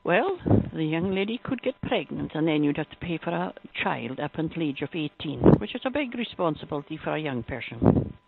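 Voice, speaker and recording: This sexual health helpline adviser has a low, creaky voice with big pitch swings and a slightly fast pace. She explains things matter-of-factly on a phone advice call, and the muffled, tinny line is very noisy.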